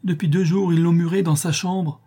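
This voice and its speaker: A man's voice: fairly high pitch, steady tone, moderate pace, warm tone, slightly rough, pitched above the performer's own voice. A man reading an audiobook, voicing a frightened young boy who pleads urgently. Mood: pleading.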